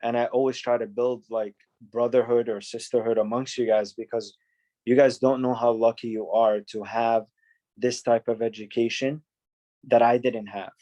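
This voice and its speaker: A man's voice: medium pitch, level tone, moderate pace, dark tone. A man teaching a class on a video call, earnest and encouraging, often repeating words.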